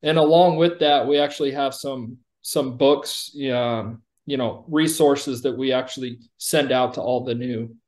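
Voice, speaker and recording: A company chief executive in his forties gives an informal product demo over a video call from an indoor room, explaining things in a plain-spoken way. His mid-range, slightly mellow voice keeps a measured pace with hardly any pauses, picked up by the video call mic.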